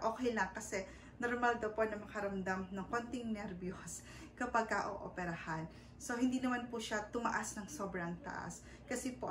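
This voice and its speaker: A woman in her thirties telling a personal story in a casual vlog. She talks politely and hesitantly, with many fillers and English words mixed in. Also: medium pitch. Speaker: vlogger. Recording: roomy, a bit far from the mic, faint background noise.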